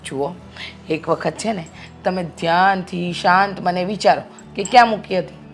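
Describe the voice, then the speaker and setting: A woman's voice: fairly low pitch, fairly even intonation, moderate pace, faint music behind, natural voice. A woman playing a lecturing mother-in-law. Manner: reassuring, lecturing. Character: mother-in-law calmly lecturing her daughter-in-law. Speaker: actor in a web drama.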